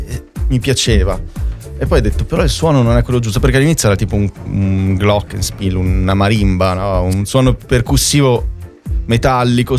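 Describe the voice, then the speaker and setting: A man's voice: fairly low pitch, a little mellow. A man from Italy speaking as a guest musician in a casual interview, often checking with little tag questions.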